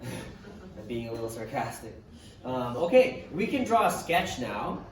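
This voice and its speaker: A man's voice: medium pitch, very animated, a little slow, recorded from a distance. Casual male math teacher in an echoey room. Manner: casual, thinks aloud while writing, dry sarcasm. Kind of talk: classroom lecture. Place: classroom. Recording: echoey classroom from afar, hiss.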